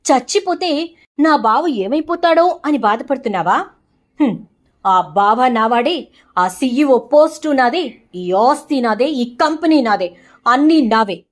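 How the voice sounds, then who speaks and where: A scheming young woman villain, read by a woman narrator speaks in a high, bitter voice. She sounds possessive and defiant, a storybook villainess who wants everything for herself. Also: expressive, a little slow.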